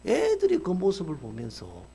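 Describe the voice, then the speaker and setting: Husky pastor, very lively delivery. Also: male voice, normal speed. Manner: acts out quoted characters with lively swings in pitch and loudness. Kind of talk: sermon storytelling.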